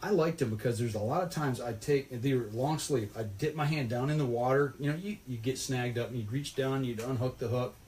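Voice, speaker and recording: A man's voice: medium pitch, a little fast, hardly any pauses. A man telling a rambling, folksy story about a fishing trip in casual podcast chat. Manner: rambling, folksy, animated retelling.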